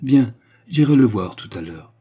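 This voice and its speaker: A man's voice: medium pitch, animated, measured pace, dark tone, breathy edge. A man reading aloud, playing a good-hearted young workshop owner in an earnest, friendly way. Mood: kindly.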